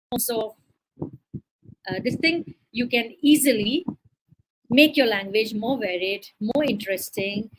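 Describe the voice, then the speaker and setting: A woman's voice: medium pitch, slight background noise, poor audio. A woman teaching English vocabulary on a live stream, reading a short story aloud and then quizzing her learners in a chatty way with fillers.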